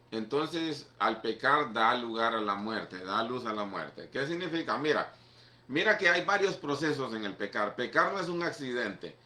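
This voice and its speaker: A pastor delivers his sermon in a bright, forceful voice, talking plainly and emphatically to his listeners. The sound rings around an echoey church hall, giving every phrase a roomy tail. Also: medium pitch. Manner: conversational, emphatic preaching with repeated "mira" and "¿ok?".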